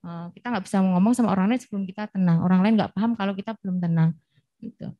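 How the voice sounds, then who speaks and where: A woman's voice: medium pitch, fast talker, no room sound, muffled recording. Woman patiently explaining child upbringing. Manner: explains with worked examples of talking to children. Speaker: early childhood education expert. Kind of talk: talk show guest explaining.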